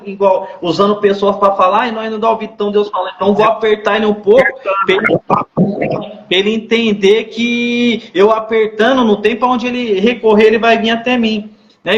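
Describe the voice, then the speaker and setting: A man's voice: high-pitched, echoey room, dull audio. A man telling an emotional personal testimony as an interview guest, speaking earnestly and repeating himself. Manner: repetitive, earnest storytelling with church slang. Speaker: guest sharing his testimony.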